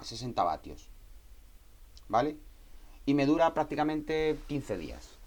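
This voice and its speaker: A tutorial presenter with a medium-pitched voice walks through an informal, hands-on technical lesson step by step. As he goes, he often repeats himself and rephrases his points.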